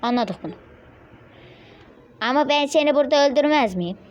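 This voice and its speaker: A high-voiced woman streaming a mobile game, talking to herself and her viewers in a chatty running commentary. She keeps breaking into sudden shrill yelps and insults at opponents. A faint hiss of noise sits under her voice. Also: expressive, moderate pace, lo-fi sound. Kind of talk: casual gameplay commentary.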